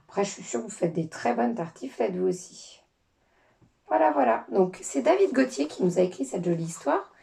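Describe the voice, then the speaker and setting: A woman teacher reading children's stories aloud with lively, expressive storytelling. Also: fairly high pitch, gravelly, slightly rough.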